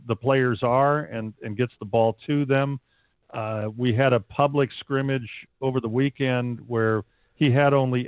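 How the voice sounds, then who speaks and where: Here a stadium announcer from the United States fields interview questions, rambling casually and halting now and then. His pitch is medium, and the muffled recording carries no room sound.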